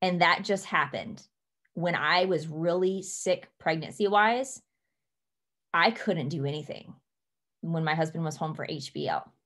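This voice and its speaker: A young woman leading her team from a home office over a webcam, giving earnest, emphatic advice and slowing down to stress her key points. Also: deep voice, fairly bright tone. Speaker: team leader. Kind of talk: motivational coaching talk.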